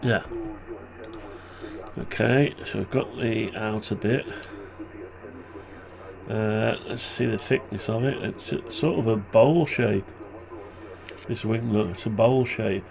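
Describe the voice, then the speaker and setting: A man's voice: fairly low pitch, slow pace, vocal fry, pauses often, a crowd in the background. A man with a muffled, blocked-nose voice, tired and stuffed up with flu, rambling as he thinks aloud through a casual hobby tutorial. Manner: rambling, muttering to himself. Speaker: hobbyist presenter.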